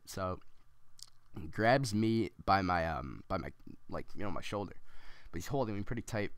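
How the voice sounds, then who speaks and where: Rambling man telling a story, smooth voice. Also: on the low side, no room sound. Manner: rambling, full of ums and restarts. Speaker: gameplay commentator. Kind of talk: casual storytelling over gameplay.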